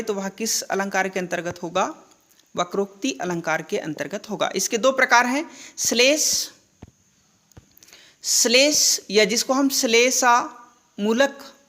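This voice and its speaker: A woman's voice: a little high, a bit bright. A woman teaching a grammar lesson, asking questions and answering them herself, checking in with the class again and again. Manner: checks in often with "thik hai" and "hai na".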